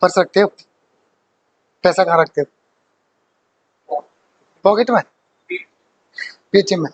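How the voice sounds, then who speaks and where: A man's voice: sits high, takes it slowly, muffled recording, slight background noise. A man teaching an exam-prep grammar lesson, joking with his students, quizzing them and laughing often.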